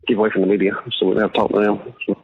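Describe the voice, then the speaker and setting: A man talking over a jail payphone call line, halting and reassuring as he speaks with a jailed relative. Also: on the low side, level tone, husky, no room sound. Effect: heard over a jail payphone call line. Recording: tinny phone line with faint hiss.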